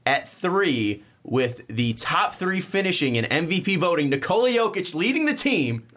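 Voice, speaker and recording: A man hosting a sports podcast in casual chat, animated and self-deprecating in his way of talking. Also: fairly high pitch, moderate pace.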